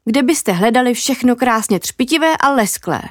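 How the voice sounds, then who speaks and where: A woman voicing a sly, teasing female magpie in a children's story, talking in a knowing, playful, drawn-out way. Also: on the high side, expressive, no room sound, studio quality.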